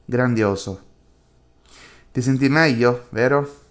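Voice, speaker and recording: A man's voice: mid-range voice, takes it slowly, close to an everyday voice. A man reading the lines of a controlling, possessive unseen entity that coaxes and gives orders in a chat horror game. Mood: coaxing, commanding.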